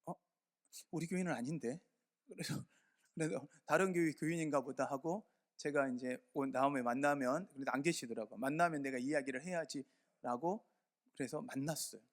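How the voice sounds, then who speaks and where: A man's voice: a little high, brisk. A man preaching a sermon as pastor in a church sanctuary, telling a story conversationally and putting questions to his congregation.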